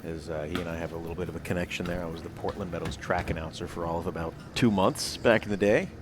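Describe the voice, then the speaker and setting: A man's voice: deep voice, fairly even intonation, fast talker. An American man giving live play-by-play sports commentary. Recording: noisy outdoor event ambience.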